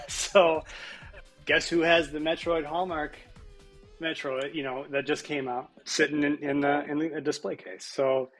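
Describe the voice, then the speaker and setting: A man's voice: fairly high pitch, little pitch movement, measured pace, a bit bright, faint music behind. A man in his thirties or forties chatting casually on a podcast, rambling with many fillers and laughing often. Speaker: podcast co-host. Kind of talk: casual chat.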